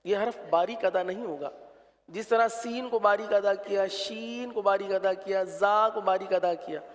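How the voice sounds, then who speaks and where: Speaking in a large hall, a high-voiced man patiently walks learners through the pronunciation of letters for reciting the Quran. He takes it slow, drawing out every sound as an example.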